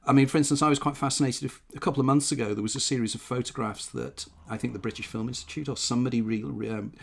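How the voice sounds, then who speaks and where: Quick-talking gravelly male host. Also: medium pitch, fairly even intonation. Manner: reflective, asks tag questions. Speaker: interview host. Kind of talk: conversational interview.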